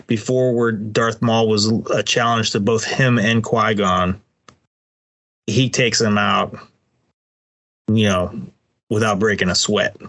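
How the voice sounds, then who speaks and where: A man co-hosting a podcast in casual chat, relaxed and agreeable, with lots of fillers and restarts. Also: lowish voice, slow, pauses often. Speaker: podcast co-host.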